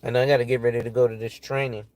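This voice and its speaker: A man's voice: mid-range voice, little pitch movement, very fast, a little mellow, no echo. Tired, casual man in his forties. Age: 40s. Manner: loose and profane, often tags "right?". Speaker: financial advisor. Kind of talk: casual talk reading through financial tips.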